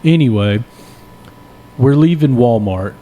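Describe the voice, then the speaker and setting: A man's voice: mid-range voice, animated, slow pace, dark tone. A man chatting and telling stories casually on a podcast, jokey and full of slang. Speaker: podcast co-host. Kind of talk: casual podcast chat and storytelling.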